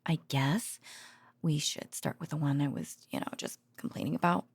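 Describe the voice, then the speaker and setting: This intimate ASMR-style monologue has a voice actor as an excitable, affectionate researcher girlfriend who rambles while soothing her boyfriend toward sleep. Her low voice moves at normal speed, breathy, soft, and frequently near a whisper, with hesitant chatter, sighs, and giggles. The mood is giddy and rambling, recorded close up with no echo.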